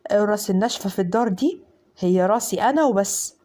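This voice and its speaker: A woman's voice: medium pitch, dark tone, pitched below the performer's own voice, natural voice. A woman voicing a stern commanding husband. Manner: slow, firm, laying down orders. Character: stern domineering Upper Egyptian husband, cold and commanding.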